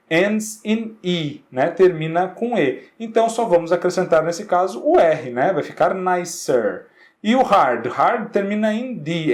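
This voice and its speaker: Lively Brazilian male English teacher. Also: a little high. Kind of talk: classroom grammar lesson.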